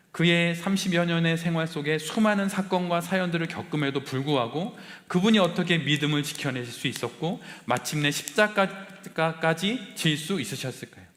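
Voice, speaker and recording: Male pastor, bright forceful delivery, deliberate pauses, sermon recorded in a reverberant church hall. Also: on the high side. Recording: echoey hall with long reverb.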